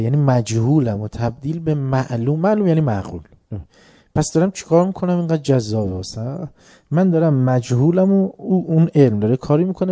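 A man's voice: a little high, warm tone. A man giving a philosophy lecture, emphatic, asking the audience rhetorical questions and urging them to pay attention.

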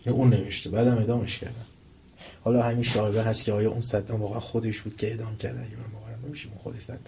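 A male preacher giving a religious lecture, telling stories with rising intensity and reciting verses slowly. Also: fairly low pitch, flat delivery, creaky, a little mellow, a little hiss or hum. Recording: dull lo-fi recording.

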